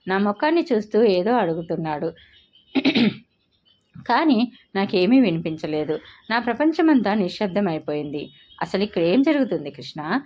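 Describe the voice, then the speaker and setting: A woman telling a first-person novel story as the channel's storyteller, in a dramatic, emotional way. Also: medium pitch. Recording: slightly dull lo-fi audio.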